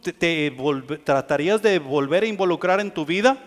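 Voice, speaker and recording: A man preaches a sermon in a high voice. His delivery is impassioned, sinking to near-hushed phrases and then rising again. The sound carries a long reverb, as if it was recorded in a large hall. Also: expressive, normal speed. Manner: impassioned, swinging between hushed and loud.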